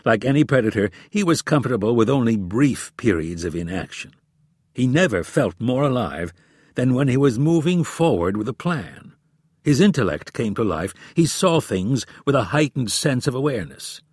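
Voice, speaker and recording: A man reading a thriller novel aloud in a measured, even narration. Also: medium pitch, slightly rough, dry recording, studio quality. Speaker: audiobook narrator.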